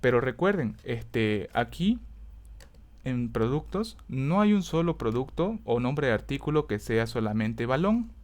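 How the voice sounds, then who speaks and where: Casting: male instructor, mid pitch, patient step-by-step lesson, frequent check-ins, thinks aloud and self-corrects. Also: very animated, a little slow, a little mellow. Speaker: teacher. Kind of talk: screen-recorded coding lesson.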